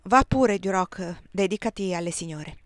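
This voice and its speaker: A woman's voice: medium pitch, expressive, dry recording, clean studio sound, natural voice. Napoleon, a woman reading a courtly emperor. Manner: polite, measured, gallant. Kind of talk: audiobook character reading.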